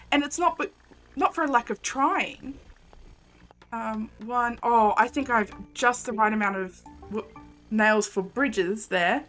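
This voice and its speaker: A young woman with a mid-range, sharp-toned voice streams a game while chatting casually with viewers. Her live-stream talk rambles, full of fillers and laughter.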